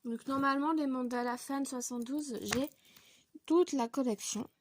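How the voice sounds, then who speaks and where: A woman with a slightly raised pitch talks through a casual haul video. She presents her new coloring supplies one by one. Her speech is loose and chatty, padded with small connecting words between points. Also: fairly even intonation. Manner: chatty, fills pauses with donc and voilà. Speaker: vlogger showing coloring supply purchases.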